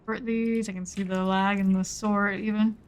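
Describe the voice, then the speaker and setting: A woman's voice: mid-range voice, flat delivery, moderate pace, smooth. A woman giving casual live gameplay commentary, muttering in short clipped fragments as she thinks aloud. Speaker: game streamer.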